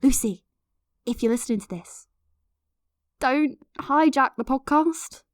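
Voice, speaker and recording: A British-accented woman in her twenties plays a self-deprecating, awkward amateur podcaster in an audio drama, chatting in dry, hesitant asides with a mock-wary mood. Her voice is high and her pace measured.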